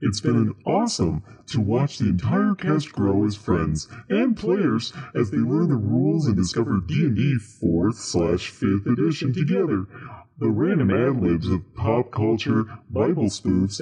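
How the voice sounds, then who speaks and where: A man reads listener reviews in a deliberately spooky voice. His tone is low and airy, with a lot of breath in it. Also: big pitch swings, mellow, husky, low-quality recording. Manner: spooky put-on reading voice. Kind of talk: reading listener feedback aloud.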